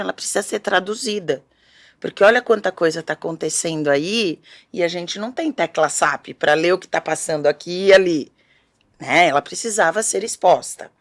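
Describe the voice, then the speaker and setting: Lower-pitched woman explaining patiently. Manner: didactic, explains step by step with frequent "né?". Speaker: speech therapist guest. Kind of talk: explanatory interview talk.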